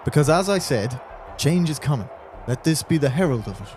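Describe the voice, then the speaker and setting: A man's voice: on the high side, expressive, brisk, a little mellow. A man playing a tabletop game in character, asking casual but direct, pushy questions. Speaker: player. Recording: music playing behind the voice.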